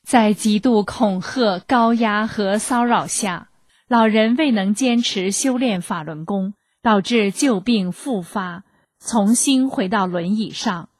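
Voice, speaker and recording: A woman reading a scripted radio narration in a measured, even way. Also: medium pitch, no echo.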